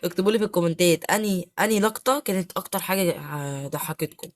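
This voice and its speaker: A young man with an Egyptian accent talks his way through a game in a casual, chatty manner. He turns melodramatic at the drop of a hat, wailing and pleading in mock despair. His voice leaps up in pitch and loudness when he complains, then drops back to a low mutter. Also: fast. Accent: Egyptian Arabic. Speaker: gaming YouTuber. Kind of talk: casual gameplay commentary.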